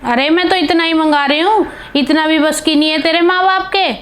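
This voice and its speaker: A woman's voice: sits high, a little fast, close to an everyday voice. A woman voicing a greedy, scornful middle-aged mother-in-law who scolds and insults her daughter-in-law. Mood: angry. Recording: piano music behind.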